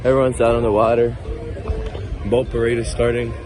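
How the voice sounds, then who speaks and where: A man from Russia, slightly hoarse and tired, talking casually to camera as he walks outdoors through busy streets. He is upbeat and rambling, and he swears casually. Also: medium pitch, flat delivery, brisk, over music, crowd noise, poor audio. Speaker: vlogger. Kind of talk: casual walk-and-talk vlog.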